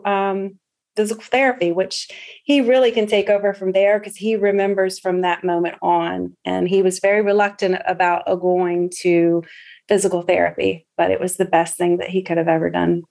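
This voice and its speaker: A woman speaking as an interview guest, telling a personal story with earnest feeling. She has a mid-pitched voice and pauses on fillers and restarts as she remembers. The tone stays heartfelt throughout. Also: fairly even intonation, gravelly. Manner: earnest, warm recounting with many fillers. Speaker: interview guest, patient's wife.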